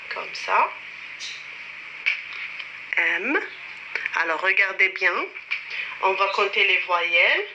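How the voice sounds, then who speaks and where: A woman teaching French to young children in a slow, drawn-out way, counting strokes aloud and having the class repeat after her. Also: medium pitch. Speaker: primary school French teacher. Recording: dull lo-fi recording with clear background noise.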